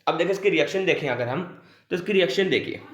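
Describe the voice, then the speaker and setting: A man's voice: on the high side, animated, quick pace. Man teaching chemistry, echoey room. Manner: repetitive question-and-answer teaching, frequent "theek hai". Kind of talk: online class lecture in Hindi with English terms.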